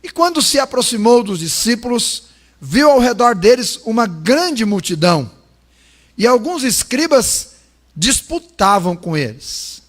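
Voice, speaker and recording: A man from Brazil, a pastor, reading scripture and praying in a solemn, measured way that slows and swells on pleas. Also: very high-pitched, big pitch swings. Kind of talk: sermon with scripture reading and prayer.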